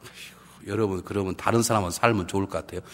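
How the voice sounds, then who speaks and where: A male pastor giving a revival sermon, animated and humorous, swinging between hushed and loud and acting out quoted voices. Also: deep voice, fast. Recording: reverberant hall with faint background noise.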